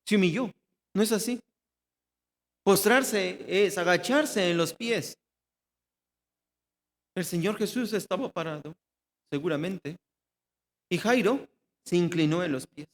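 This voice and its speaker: A man's voice: sits high, slow pace, pauses often. A man with a Mexican Spanish accent preaching a sermon, asking the congregation questions and answering them himself. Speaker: pastor. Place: church hall. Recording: long hall reverb.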